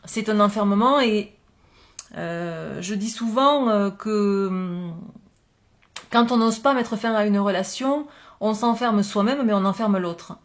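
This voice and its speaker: Woman, oracle card reader, gentle, reassuring, mid-range voice, thinking aloud. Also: medium pitch, slow pace. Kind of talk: spiritual love card reading.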